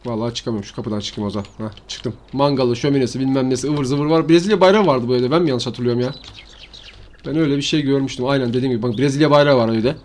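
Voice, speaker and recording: Fast-talking man narrating gameplay. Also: medium pitch, darkish tone, a little hiss or hum. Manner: rambling, slangy, talks to viewers as "arkadaşlar". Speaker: gaming channel host. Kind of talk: casual gameplay commentary.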